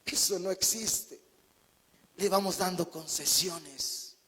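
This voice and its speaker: A man preaches an emphatic, story-driven sermon. His voice sits very high and sounds husky. A long reverb from the church hall hangs behind every phrase. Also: takes it slowly, sharp tone.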